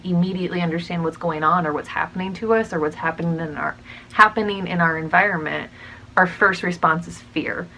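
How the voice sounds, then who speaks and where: A young woman talking casually to her channel's viewers, musing out loud with many pauses and restarts. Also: fairly low pitch, a little hiss or hum, rough recording. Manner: musing, hesitant, frequent ums and restarts. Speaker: channel host. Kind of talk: casual talk to camera.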